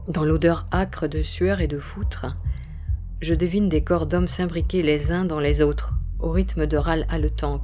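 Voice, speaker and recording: Measured, intimate first-person narrator; mid-pitched voice over steady music. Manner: intimate, measured, present-tense storytelling.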